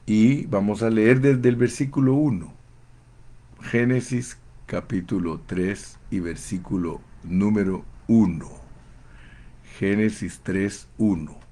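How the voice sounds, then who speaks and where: A man preaching a sermon in a slow, emphatic, fervent way, often calling his listeners brother. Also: fairly low pitch, mellow. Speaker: pastor.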